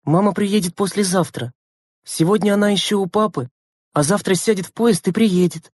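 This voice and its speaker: A woman's voice: medium pitch, normal speed, darkish tone, breathy edge, no echo, pitched above the performer's own voice, lightly acted. A woman doing a stern, worn-out teen sister. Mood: weary. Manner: scolding, weary. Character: harried older sister, teen girl, stern and tired. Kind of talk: storybook reading.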